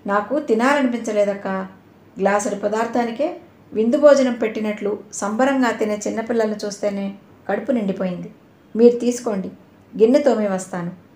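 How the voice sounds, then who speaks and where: A woman reading a gentle, caring young woman. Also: medium pitch, brisk, close to an everyday voice. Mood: reassuring. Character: caring, bold young woman looking after children. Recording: roomy echo.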